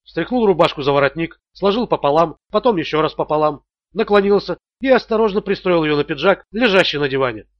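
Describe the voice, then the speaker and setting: A man narrating an audiobook thriller in a steady, tense manner. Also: on the high side, fairly quick, no room sound, lo-fi sound.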